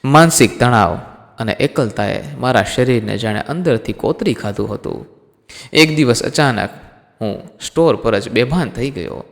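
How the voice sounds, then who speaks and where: A man playing a calm dying husband, gravelly. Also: medium pitch. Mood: gentle sorrow. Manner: slow, soft, sorrowful. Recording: long hall reverb.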